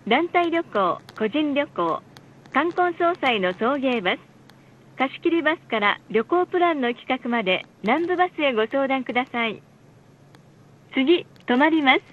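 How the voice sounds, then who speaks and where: Inside a bus, a narrow lo-fi speaker plays a woman's very high, animated voice reading stop announcements and ads from a script. She stays polite and formal, enunciating in a measured way, and the audio is muffled.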